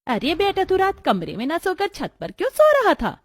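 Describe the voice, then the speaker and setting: A woman's voice: very high voice, huge pitch swings, moderate pace, no echo, pitched above the performer's own voice, heavily acted. A woman voicing a middle-aged mother-in-law who is fussy but kind toward her sons. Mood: motherly.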